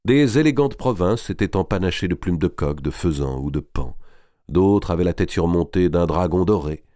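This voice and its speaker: A man reading a historical novel aloud as audiobook narration, measured and expressive. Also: sits low, no echo, studio quality.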